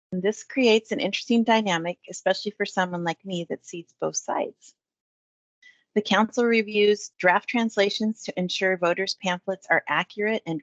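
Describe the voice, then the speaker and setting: A woman host introducing a guest and asking questions in a measured, explanatory way. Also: mid-range voice, no echo, dull audio. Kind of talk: moderating a panel discussion.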